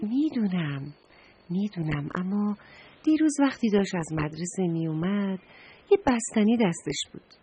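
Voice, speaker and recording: A woman's voice: medium pitch, lively intonation, mellow, slightly rough. A woman voicing a worried talking blue trash can in a children's story, speaking emphatically with many hesitations. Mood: fretful.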